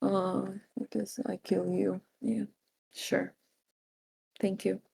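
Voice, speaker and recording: A woman's voice: mid-range voice, little pitch movement, slow pace, gravelly, warm tone, breathy edge. A woman giving blunt, teasing feedback on a game in a casual chat.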